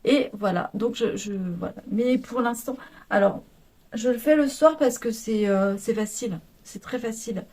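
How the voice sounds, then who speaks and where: A woman's voice: a little high, moderate pace, darkish tone, slightly rough. A woman with a French accent chatting casually at home about her knitting, rambling and laughing often. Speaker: knitting vlogger. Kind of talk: casual chat.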